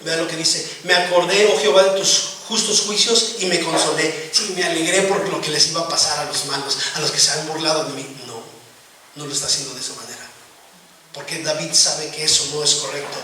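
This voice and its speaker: A man preaches his sermon in a high voice, captured from across a very echoey church hall. He keeps turning to the congregation with rhetorical questions, over a faint hiss of room noise. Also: fairly even intonation, brisk, pushed and bright, far from the mic. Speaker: pastor.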